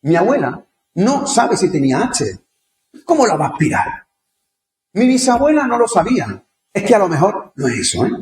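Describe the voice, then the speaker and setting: A man's voice: high-pitched, big pitch swings, normal speed, a little mellow, echoey room. A man from Andalusia with an Andalusian accent giving a conference lecture, talking conversationally and firing rhetorical questions at the audience. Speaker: conference speaker. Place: lecture hall.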